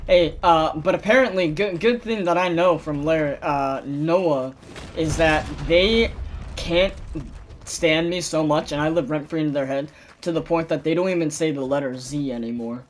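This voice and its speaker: A young man tells stories to his friends over a gaming voice chat, animated and quick to swear, and he loudly mimics the people he talks about. His voice sits a little high. Faint noise runs under the recording. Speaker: gamer chatting with friends.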